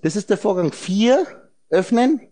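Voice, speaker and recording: A man's voice: high-pitched, very animated, a little slow, warm tone. A man lecturing a group on esoteric ideas, rambling as he breaks words into letters and numbers and puts questions straight to his listeners. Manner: talks directly to listeners with questions. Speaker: speaker addressing a group.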